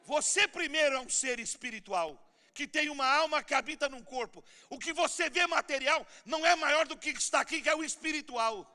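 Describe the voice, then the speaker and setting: High-pitched, fervent preacher. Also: male voice, moderate pace, pushed and bright. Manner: fervent preaching, leads the congregation in repeated declarations. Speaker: pastor. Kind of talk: sermon. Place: church hall. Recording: live church hall with long reverb.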